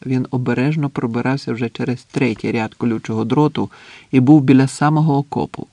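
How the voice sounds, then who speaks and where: A man narrating an audiobook in a calm, steady reading voice. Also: mid-range voice, brisk, dry recording. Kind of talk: scripted narration.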